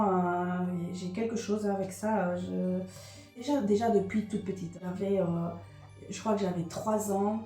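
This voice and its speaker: With a Belgian French accent, a woman from Liège talks in her vlog in a relaxed, confessional style, hesitating often and repeating herself among many fillers. Her voice is medium-pitched and dark, and the recording is reverberant.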